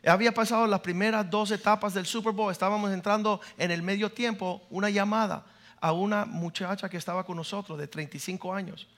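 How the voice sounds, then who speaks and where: High, gravelly male pastor; preaches in bursts, drops to a hush for stories. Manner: preaching, swings between loud declarations and hushed storytelling. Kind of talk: sermon with personal stories.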